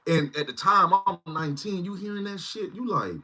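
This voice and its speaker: A man's voice: high voice, normal speed, sharp tone, a little hiss or hum. A man in his forties hosting a casual livestream, rambling and often asking "you know what I mean". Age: 40s. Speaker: channel host.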